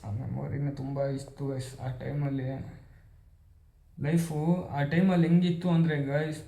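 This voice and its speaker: High-voiced man vlogging. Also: little pitch movement, moderate pace, creaky, echoey room. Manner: loud and playful with family, then quiet and reflective. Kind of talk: casual vlog talk to camera.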